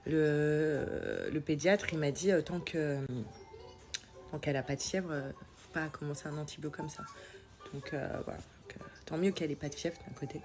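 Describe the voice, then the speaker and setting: Young mum vlogger, female, low register, blocked nose and sore throat, loose colloquial delivery. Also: very animated, moderate pace, darkish tone, faint music behind. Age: young adult. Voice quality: congested, nasal, sore-throated. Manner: informal, colloquial, hesitant. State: coming down with a cold, sore throat. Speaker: mother vlogging about family life. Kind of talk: casual chat to followers.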